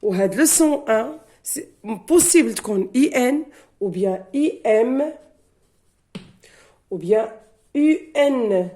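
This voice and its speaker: Very slow, deliberate woman teacher. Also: on the high side, expressive, mellow. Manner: spells letters one by one and repeats each sound. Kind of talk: slow syllable-by-syllable reading lesson.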